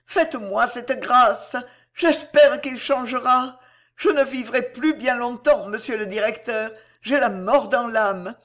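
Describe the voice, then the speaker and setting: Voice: mid-range voice, takes it slowly, pitched above the performer's own voice, lightly acted. A reader voicing a poor grieving mother who begs tearfully in a storybook reading. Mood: pleading, tearful. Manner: tearful, begging. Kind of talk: audiobook character voice.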